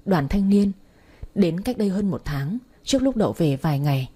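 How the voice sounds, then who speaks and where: A woman reading a first-person story aloud, with a steady, emotional delivery and dramatic pauses. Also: lowish voice, husky.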